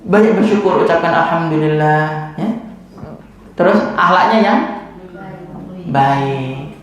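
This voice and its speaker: Woman preacher, lower voice, lively colloquial sermon, rhetorical questions. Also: takes it slowly. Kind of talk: Islamic sermon to a women's study group. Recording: very echoey, dull lo-fi hall recording.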